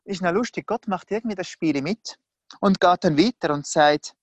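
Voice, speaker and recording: A preacher giving a sermon in a lively, conversational way, often acting out the people in the story. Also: mid-range voice, normal speed, no room sound, dull audio. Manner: lively, conversational, acts out the characters.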